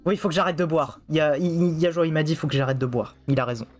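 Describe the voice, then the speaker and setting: High-voiced man joking, music behind. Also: very fast. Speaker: co-host. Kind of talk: casual live-stream chat.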